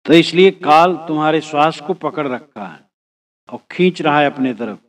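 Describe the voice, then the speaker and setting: A man's voice: a little high, lively intonation, moderate pace. A man giving a religious discourse, reciting verses and explaining them phrase by phrase in an earnest, exhorting way. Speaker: spiritual teacher.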